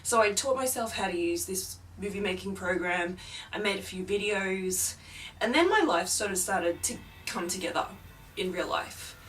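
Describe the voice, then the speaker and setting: A young woman with a mid-range, fairly bright voice chats animatedly at a moderate pace, rambling with plenty of fillers in a home vlog; she's a paranormal YouTuber. Soft background music plays, and a distant mic picks up faint noise from a film running in the next room.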